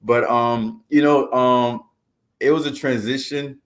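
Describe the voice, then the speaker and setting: A man in his twenties from Haiti, a guest telling his story in a casual interview, relaxed and chuckling, with many fillers. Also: mid-range voice, slow. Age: 20s.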